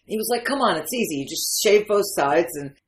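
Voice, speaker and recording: Brisk and expressive in a mid-range voice, with slight background noise, a memoir writer in her fifties recounts personal stories as an interview guest. Originally from Syria and later the Detroit area, she has an American accent, isn't a native English speaker, and speaks candidly and with emphasis.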